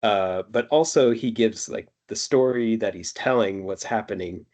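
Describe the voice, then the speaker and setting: A man with a fairly low voice co-hosts a casual album review podcast. He rambles through his stories and uses plenty of fillers. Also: moderate pace, darkish tone. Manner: chatty, lots of fillers and laughs. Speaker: podcast co-host. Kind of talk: casual music review chat.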